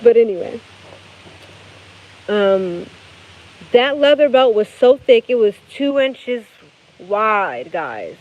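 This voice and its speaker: A woman's voice: on the high side, big pitch swings, slow, pauses often. A woman in her thirties telling a personal story to her viewers in a candid, profane, casual way, often checking in with "okay?" and "baby". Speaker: vlogger. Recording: slightly muffled with faint hiss.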